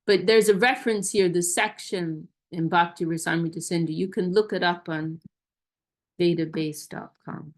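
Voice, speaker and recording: A woman's voice: fairly low pitch, fairly even intonation, moderate pace. A woman hosting an online question-and-answer session, talking casually and hesitantly over a video call, often restarting her sentences. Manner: warm, self-deprecating, hesitant with restarts. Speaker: host of a Q&A session.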